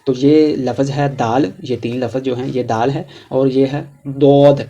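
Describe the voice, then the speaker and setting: A man with a Pakistani Urdu accent teaching a tajweed lesson, explaining letter sounds and drawing out each letter slowly as he drills them. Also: mid-range voice, fairly even intonation, warm tone, highs cut off. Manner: slow, drawn-out recitation of letters between plain explanations. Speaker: Quran reading teacher.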